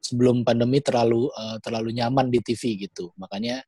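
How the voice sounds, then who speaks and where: A man speaks with a mellow, husky tone, relaxed and reflective with a few halting pauses. His sound is dry and close. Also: mid-range voice, no echo. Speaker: stand-up comedian and TV performer. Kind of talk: casual panel chat.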